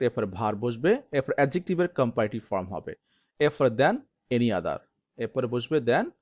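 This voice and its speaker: A man teaches a grammar lesson, stretching out each example word with slow, deliberate emphasis. His pitch swings widely between high and low. The recording is dry and muffled, with a dull lo-fi sound. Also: darkish tone, no echo. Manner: slow, stressed reading of word forms.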